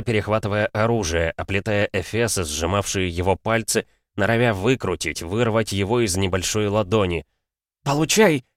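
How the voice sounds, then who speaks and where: A man reading fantasy narration for an audiobook in a steady, measured way. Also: low voice, no echo, studio quality.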